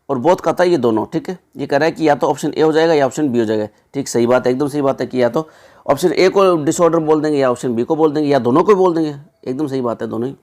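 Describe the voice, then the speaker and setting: A young man working through exam questions as a teacher, chatty, often checking in with listeners, reading options slowly before explaining them. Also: on the high side, darkish tone. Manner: conversational, repeats "ठीक है" and "दोस्तों"; reads English options slowly, then explains.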